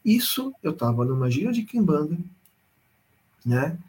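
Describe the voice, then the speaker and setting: Man telling his own story: animated, repetitive, casual. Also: fairly high pitch, unhurried, rough recording. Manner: animated, repetitive, addresses listeners directly. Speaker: storyteller sharing a personal spiritual experience. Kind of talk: casual spoken testimony.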